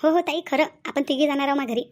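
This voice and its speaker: A woman voicing a bright young daughter-in-law. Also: high-pitched, quick pace, lightly acted. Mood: eager. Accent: Vidarbha Marathi. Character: cheerful young newly married daughter-in-law. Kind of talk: cartoon voice acting.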